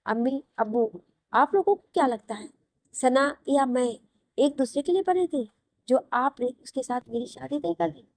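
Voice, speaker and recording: A woman's voice: high-pitched, normal speed, a little mellow, dry recording, clean studio sound. A woman voicing a defiant young son. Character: young man, defiant and reasoning with parents. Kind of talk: audio story reading.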